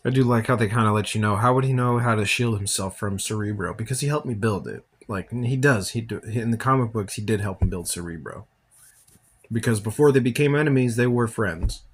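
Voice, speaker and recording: Tired, low-voiced man talking casually. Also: a little fast, slightly rough. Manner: relaxed, rambling, thinks aloud. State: tired, yawning. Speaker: podcast host. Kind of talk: casual film commentary.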